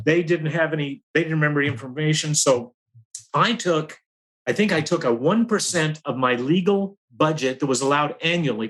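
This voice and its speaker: A middle-aged man with a fairly high voice tells a story from his working life, guest on a podcast. He swings up and down in pitch as he goes and keeps the tale moving. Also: fairly bright tone, low-quality recording. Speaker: podcast guest, career advisor. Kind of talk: storytelling in interview.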